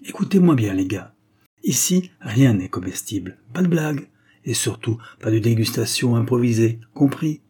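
A man voicing a calm, wry young male chemist who explains things dryly. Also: medium pitch, normal speed, husky. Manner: dry, ironic explanations.

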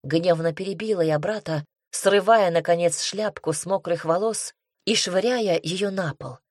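A woman narrating a first-person fantasy audiobook in the voice of an indignant, sharp-tongued heroine. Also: lowish voice, a little slow, dry recording, clean studio sound.

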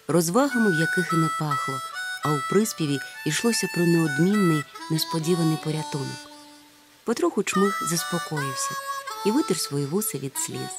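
A woman narrating a children's storybook in an even, measured reading. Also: sits low. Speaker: audiobook narrator.

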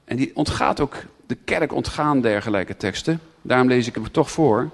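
A man preaching a sermon to a gathered audience, speaking directly to them and swelling to near shouts when he reads scripture. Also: medium pitch, moderate pace. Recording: reverberant hall recording.

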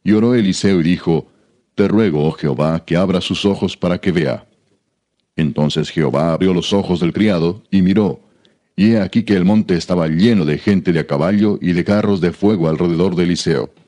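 A man reading scripture aloud in a measured, even way. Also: low-pitched. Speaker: Bible reader.

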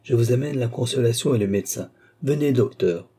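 A man voicing a gracious young princess who speaks kindly but with gentle command. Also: medium pitch, a little fast, husky, lightly acted. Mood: gracious, lively.

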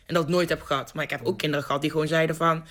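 Lively woman telling a story. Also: low-pitched, racing. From Netherlands, North Brabant. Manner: lively, vivid storyteller who restarts sentences and acts out scenes. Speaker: interviewee. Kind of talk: personal storytelling interview.

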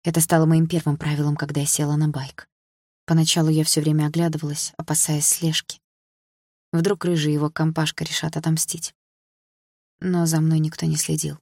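A woman's voice: sits low, level tone, a little fast, darkish tone, no echo, studio quality. A woman narrating a first-person romance novel in an intimate, emotional way. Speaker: audiobook narrator.

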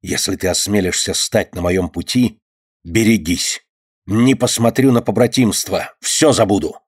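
A man reading a novel aloud and voicing a ruthless outlaw chief in a low, clipped voice. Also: unhurried, slightly rough. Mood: menacing. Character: hardened young male outlaw chief, ruthless and urgent.

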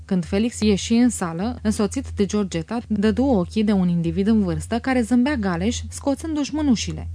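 A woman narrates a literary audiobook with a measured, even delivery. Her voice is mellow and warm, recorded close and dry. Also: mid-range voice, no echo.

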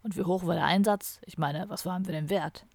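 A woman voicing a gruff, grumpy young man who drinks heavily, in a curt, muttering audiobook character voice. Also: on the low side, fairly quick, darkish tone, no room sound. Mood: grumbling.

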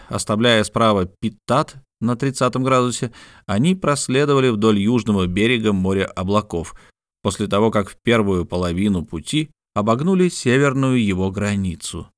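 A man reading an adventure novel aloud in steady, descriptive scripted narration. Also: lowish voice, no room sound, studio quality. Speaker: audiobook reader.

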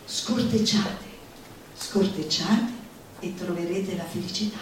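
Slow and fairly even in intonation, this lowish female voice belongs to an actress giving a declamatory, mocking recitation of a satirical manifesto, stretching words for effect. Music plays behind her, and she sounds far off in a very echoey room.

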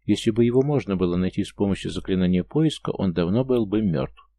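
A man doing a calm, wry mage, deep and gravelly. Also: fast, dry recording. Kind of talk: audiobook character voice.

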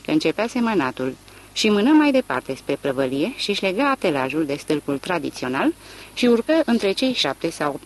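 An audiobook narrator reading a literary novel in a measured, expressive way. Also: mid-range voice, rough recording.

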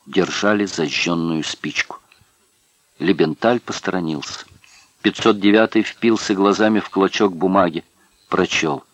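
A man reading an audiobook in measured, even storytelling. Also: lowish voice, dry recording. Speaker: narrator. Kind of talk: audiobook narration.

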